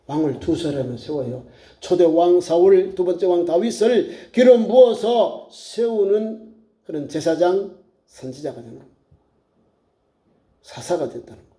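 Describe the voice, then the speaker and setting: A man's voice: sits high, dark tone, echoey room. A man preaching an emphatic sermon as pastor, his delivery rising and falling.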